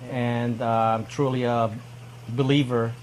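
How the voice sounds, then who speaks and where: A man giving an unscripted testimonial, measured and hesitant, with frequent uhs. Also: mid-range voice, little pitch movement, a little hiss or hum.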